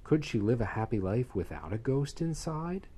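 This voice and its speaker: Reading a rhyming children's story aloud, a man with a mid-range voice speaks at normal speed in a sing-song way, phrasing it theatrically and dramatically. Animal sounds, ambience and other added sound effects play noisily in the background.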